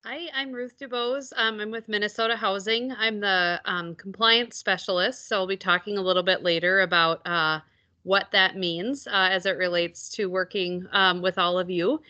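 A woman's voice: mid-range voice, fairly even intonation, normal speed, sharp tone. A woman introducing herself on a video call, chatty and friendly, with many fillers. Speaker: compliance specialist. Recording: dull lo-fi audio.

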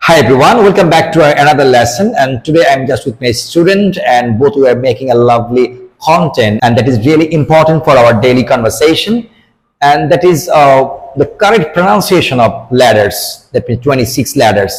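A man's voice: medium pitch, expressive, drawn-out words, low-quality recording. A man with a Bangladeshi accent teaching English pronunciation to a student, mixing English and Bengali and playfully pretending to get things wrong. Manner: mixes English and Bengali, playfully feigns mistakes. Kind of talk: playful classroom lesson with a student.

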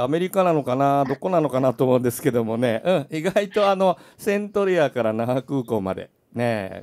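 A man's voice: mid-range voice, darkish tone. A man from the Nagoya area hosting a community radio show in a chatty, casual way from a studio. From Nagoya area, Japan. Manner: chatty, tags sentences with "ne". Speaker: radio host.

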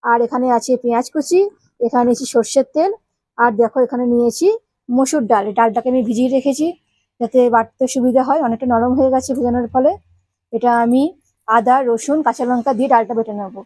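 A woman's voice: fairly high pitch, steady tone, fast talker, dark tone, dry recording, low-quality recording. Chatty woman hosting a home cooking show. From Bengal. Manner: chatty, addresses viewers directly step by step. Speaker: home cooking channel host. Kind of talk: casual cooking demonstration.

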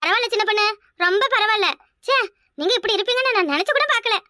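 A woman doing a shrill, scolding village big sister. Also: quick pace, pushed and bright, no room sound, clean studio sound. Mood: indignant. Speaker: cartoon character. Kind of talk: cartoon voice acting.

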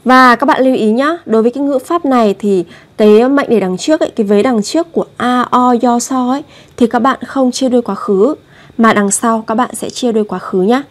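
A woman leads a language lesson in a slightly high voice. She explains grammar step by step and patiently repeats example words slowly. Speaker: Korean language teacher.

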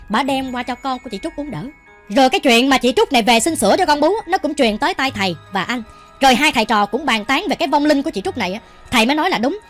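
A woman with a Southern Vietnamese accent tells a ghost story at a racing pace. Her voice is high and chatty, and she keeps speaking to her listeners directly. Soft music plays faintly behind her. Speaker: storytelling channel host. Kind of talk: ghost story narration while cooking.

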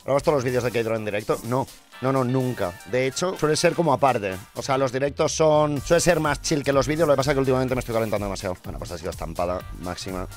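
Over background music, this excitable gaming streamer from Spain talks fast in a mid-range voice with a Spanish accent. He is young and narrates his gameplay, erupting into loud cheering and shouting until his voice turns hoarse.

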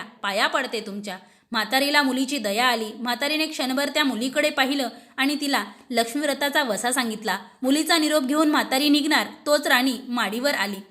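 A woman's voice: sits high, sharp tone. A woman with a Marathi accent narrating a devotional folk tale, reading the characters' lines expressively. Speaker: storyteller.

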